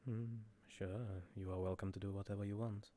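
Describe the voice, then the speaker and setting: A man streaming a virtual-world role-play, chatting in character in a slow, musing way with soft chuckles. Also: on the low side, flat delivery. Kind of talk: casual in-character chat.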